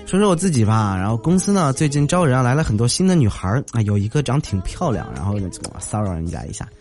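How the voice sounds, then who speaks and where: Male host telling funny stories, mid-pitched, very animated delivery, soft music underneath. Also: quick pace. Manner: lively storytelling, mimics others' voices. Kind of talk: comic anecdote narration. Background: faint music.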